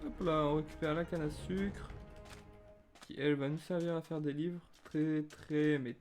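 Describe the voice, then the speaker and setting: A man's voice: fairly high pitch, normal speed, faint music behind. Chatty young man commenting his gameplay. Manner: chatty, excitable bursts over calm play-by-play. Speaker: gaming video creator.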